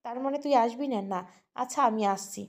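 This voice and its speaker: A woman's voice: fairly high pitch, fairly quick, a little mellow, lightly acted. Woman voicing a playful teasing young woman.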